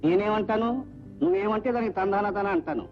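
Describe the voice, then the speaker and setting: A man's voice: high voice, fairly even intonation, fast talker, close to an everyday voice. An actor playing a meek, henpecked middle-aged father with a wry, resigned manner. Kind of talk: 1980s Telugu film acting. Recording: lo-fi film soundtrack with music.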